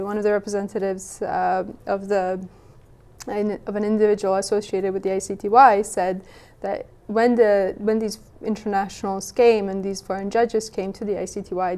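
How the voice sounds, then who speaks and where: Thoughtful young woman, mellow. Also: mid-range voice. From Western Bosnia. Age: young adult. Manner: thoughtful, many restarts and "you know". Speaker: guest. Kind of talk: interview answers.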